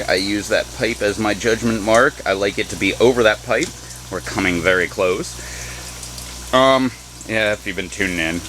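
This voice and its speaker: A man's voice: fairly low pitch, fairly bright tone, poor audio. A man giving a casual, unscripted walk-around as a gardening vlogger, offhand and self-deprecating. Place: small greenhouse garden beside running water. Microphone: handheld camera mic. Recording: handheld camera, clear water and pump noise.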